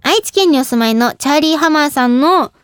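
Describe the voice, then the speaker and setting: High-voiced young woman radio host. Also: lively intonation, fairly quick, no room sound, clean studio sound, soft background music. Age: 20s. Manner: giggly, laughs often at herself. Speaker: radio show host and idol. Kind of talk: casual radio talk.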